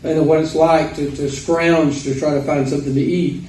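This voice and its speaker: A man with an Arkansas accent giving an informal, folksy sermon with halting pauses. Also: fairly high pitch, level tone, darkish tone. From Arkansas, United States. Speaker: preacher. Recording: roomy echo, distant microphone.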